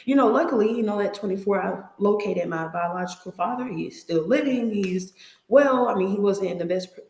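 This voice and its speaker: A young woman talks casually as an interview guest. Her voice has a noticeable creak and bounces off the bare walls of an echoey, empty apartment. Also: mid-range voice, brisk, darkish tone. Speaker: podcast guest. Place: empty, newly moved-into apartment.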